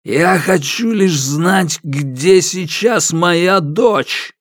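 A drunk, desperate father whose voice climbs well above normal speaking pitch, hoarse and breathless as he pushes words out. A man acts him out in a dry, close reading. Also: takes it slowly, no echo. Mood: pleading.

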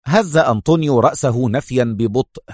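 Man narrating a thriller, expressive and suspenseful; dry, close recording. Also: mid-range voice, a little fast, no room sound. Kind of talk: dramatic audiobook reading.

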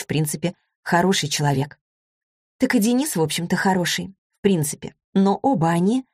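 A woman's voice: lowish voice, a little mellow, no echo, clean studio sound, natural voice. A woman reading a story, voicing an anxious, affectionate teenage girl who talks in an eager, pleading way.

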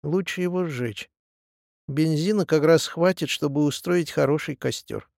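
Man reading as a quarrelsome old partisan for a storybook, raised pitch, gravelly edge. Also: unhurried, no echo, clean studio sound. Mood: indignant shouting. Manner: shouting, indignant. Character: hot-tempered old male partisan.

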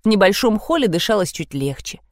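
Woman, audiobook narrator, wry and animated, lively range, dry studio sound. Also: mid-range voice, brisk, dry recording. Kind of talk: expressive narration of an ironic novel.

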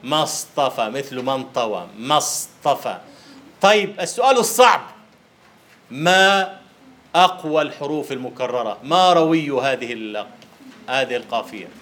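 A man lecturing on Arabic prosody in a classroom, teasing his students and slowly chanting verse syllables. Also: medium pitch, expressive, a bit bright. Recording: roomy lecture hall echo, faint hiss.

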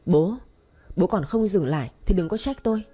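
A woman voicing an angry, bullying young husband who shouts and sneers in an audio story. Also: fairly low pitch, animated, normal speed, slightly rough, faint music behind.

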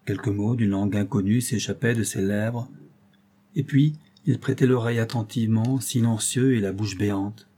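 A man reading a classic tale aloud as an audiobook, in a measured, dramatic manner. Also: on the low side, mellow, slightly rough. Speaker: audiobook reader. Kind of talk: scripted narration of a classic tale.

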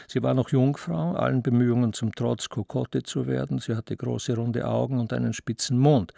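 A man reading literary prose as narrator in a measured, expressive way. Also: mid-range voice, vocal fry, dry recording, studio quality.

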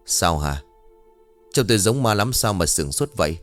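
A man's voice: low-pitched, expressive, moderate pace, faint music behind. A man voicing a blunt, wry older female village shaman who talks brusquely and commandingly.

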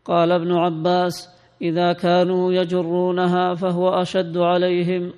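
A man reading a classical text aloud to his teacher in a steady, lilting recitation. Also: sits high, moderate pace, clear, resonant tone, big-room sound.

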